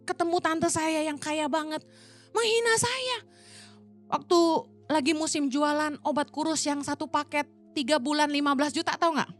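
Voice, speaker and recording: A woman's voice: high-pitched, normal speed, a bit bright, faint music behind. A middle-aged woman from Indonesia preaching in a casual, colloquial way, telling stories and acting out the voices of the people in them. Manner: chatty, colloquial, acts out quoted voices. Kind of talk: casual storytelling sermon.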